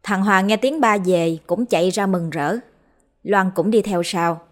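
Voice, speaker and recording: A woman's voice: mid-range voice, measured pace. Woman narrating a ghost story.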